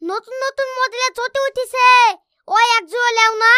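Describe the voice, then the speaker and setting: A cheeky, mocking village cobbler from a comic cartoon, acted by a performer. The voice is very high and bright, recorded close and dry. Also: moderate pace, no echo.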